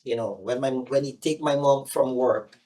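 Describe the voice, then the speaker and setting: A man's voice: mid-range voice, normal speed. Guyanese man telling his story, loose and rambling. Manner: relaxed, rambling, with frequent fillers and restarts. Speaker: singer being interviewed. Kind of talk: casual interview storytelling.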